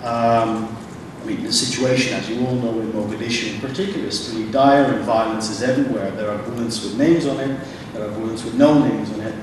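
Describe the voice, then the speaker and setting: A man speaking on a conference panel, halting and restarting often as he thinks aloud. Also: lowish voice, fairly even intonation. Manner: halting, many restarts and fillers. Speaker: panel speaker from a refugee agency. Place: large conference hall. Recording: echoey hall, distant mic, noisy.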